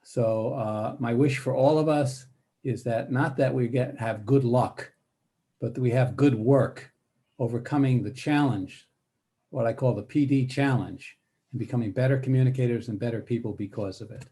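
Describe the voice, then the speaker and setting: An older man giving a spoken workshop on speech strategies, talking deliberately with pauses between phrases and showing different word emphasis. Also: medium pitch, dark tone. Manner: demonstrates varied word emphasis. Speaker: guest presenter on speech strategies. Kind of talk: spoken workshop talk with demonstrations.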